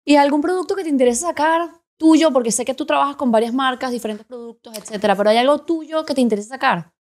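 A woman hosts a casual chat, her voice sitting high and light. She is playful and chatty and keeps asking probing questions. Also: quick pace, a little mellow. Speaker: podcast host.

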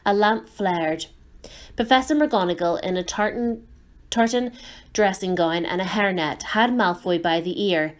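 Woman storyteller, children's novel read aloud, clear, steady, expressive, middle pitch. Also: unhurried.

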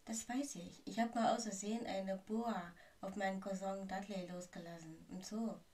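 A woman reading aloud and voicing an earnest, unsure young boy wizard in a soft, hushed voice. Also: mid-range voice, fairly even intonation, normal speed, far from the mic, lightly acted. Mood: puzzled.

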